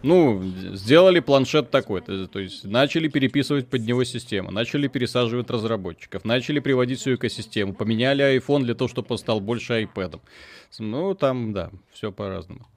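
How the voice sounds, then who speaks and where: A man's voice: medium pitch, quick pace. A man in his forties playing a game on stream, muttering to himself and making dry remarks. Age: 40s. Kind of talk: casual gaming stream chat.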